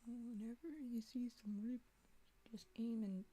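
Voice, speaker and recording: A young adult woman giving casual gameplay commentary as a channel host, chatty and thinking aloud, with quiet asides. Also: fairly high pitch, flat delivery, moderate pace, breathy edge.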